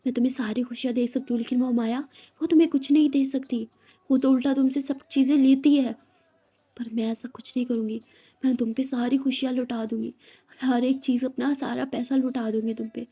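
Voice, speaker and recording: A woman storyteller voicing an obsessive, jealous female boss who rants loudly. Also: sits high, steady tone, brisk, breathy edge. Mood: scheming. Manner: loud ranting, voice rising.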